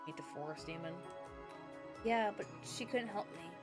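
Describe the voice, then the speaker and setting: A woman's voice: on the low side, normal speed. A woman game streamer reading narration and dialogue from a story game aloud. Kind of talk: reading visual novel text aloud as a story. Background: background music.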